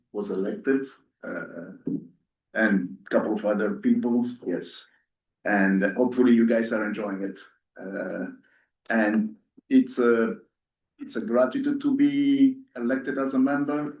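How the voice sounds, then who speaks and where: A man's voice: mid-range voice, darkish tone. A man born in Ethiopia and raised in Italy, a candidate giving an earnest, hesitant speech full of fillers at a community meeting. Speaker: board candidate. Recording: echoey room, voice from far off.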